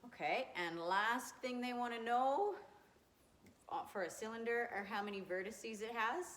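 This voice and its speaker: Speaking at a moderate pace in a voice on the high side, a woman gives young children a grade two math lesson. Her manner is gentle and encouraging, and she poses questions only to answer them herself.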